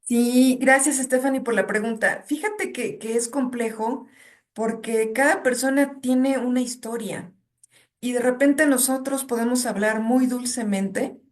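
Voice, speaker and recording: A woman speaks a little higher than most. She answers questions reflectively, tells personal anecdotes and often checks in with a soft '¿no?'. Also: measured pace. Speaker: guest speaker and academic advisor. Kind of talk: conversational talk with personal anecdotes.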